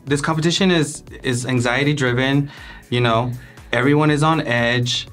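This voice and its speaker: Rambling bright-toned young man. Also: medium pitch, fairly even intonation, normal speed, soft background music. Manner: rambling, many fillers and restarts, laughing. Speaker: podcast co-host. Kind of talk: casual recap chat.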